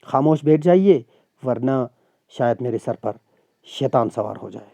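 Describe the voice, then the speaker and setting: A man voicing a defiant traveller with an old grudge, in a steady, challenging reading voice. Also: medium pitch, gravelly, no room sound.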